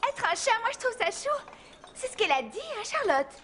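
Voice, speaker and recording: A woman's voice: extremely high pitch, big pitch swings, brisk, a bit bright, slight background noise, full character voice. A woman voicing a sly, teasing teenage girl in a cartoon dub.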